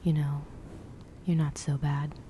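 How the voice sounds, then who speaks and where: Whispered role-play: a woman plays a cocky young man, teasing and low. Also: level tone, measured pace, mellow, a little hiss or hum. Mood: warming up.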